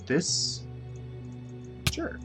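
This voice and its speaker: Speaking extremely slowly in a slightly bright voice, a male streamer in his twenties offers loose, talkative commentary on his game. He rambles and teases himself as the game's music plays.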